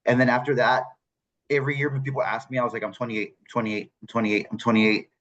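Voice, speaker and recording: A man's voice: medium pitch, fairly even intonation, quick pace, fairly bright tone. Man in his forties, muffled call audio. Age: 40s. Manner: candid, joking, personal. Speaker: veteran peer support panelist. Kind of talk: casual panel talk.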